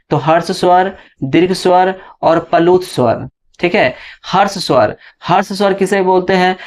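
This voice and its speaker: A man teaching a grammar lesson step by step, often checking in with his students and drawing out letter sounds slowly as he recites them. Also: fairly high pitch. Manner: explains step by step with frequent "है ना" and "ठीक है" check-ins. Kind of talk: classroom lesson explanation.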